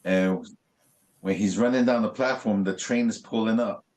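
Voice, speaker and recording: A man, a graffiti artist, telling stories in a casual interview, animated and full of swearing and street slang. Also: lowish voice, normal speed.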